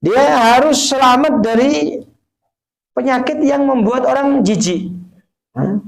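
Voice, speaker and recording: A high-pitched man with an East Javanese accent delivers a sermon to a live audience. He recites Arabic verses, slips into Javanese, and keeps throwing questions at his listeners. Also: slow, vocal fry, rough recording. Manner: mixes Javanese phrases and Arabic quotations, asks the audience rhetorical questions. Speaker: preacher.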